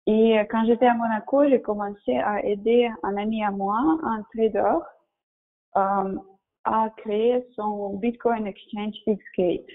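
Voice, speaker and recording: A Russian-accented woman in her thirties answers casual interview questions about her career and work in French, her second language, often hunting for words. Her mid-range voice is fairly even and measured, heard through narrow, tinny audio.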